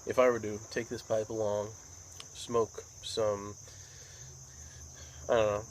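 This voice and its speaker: An American man talking in a casual, rambling monologue, unhurried and musing, like a hobby vlogger. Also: lowish voice, flat delivery. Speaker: pipe tobacco vlogger. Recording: outdoor insect and cricket noise.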